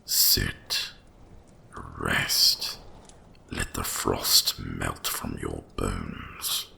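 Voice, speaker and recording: In an ASMR roleplay, a man plays an ancient, gentle winter dragon, speaking in a deep, gravelly half-whisper with deliberate pauses and little pitch movement. The hushed delivery is exaggerated, tender and soothing, with a faint hiss or hum in the audio.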